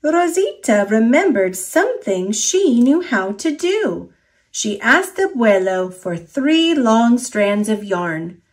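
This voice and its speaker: A woman with an American accent and a fairly high-pitched voice reads a children's story aloud, expressive and deliberate in her storytelling.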